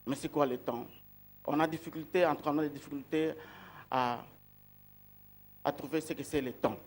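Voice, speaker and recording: Raised outside Belgium, this male preacher sermonizes at a slow, deliberate pace, leaning on repeated key words and rhetorical questions aimed at his audience. His pitch is fairly high, his intonation fairly even, and his tone darkish.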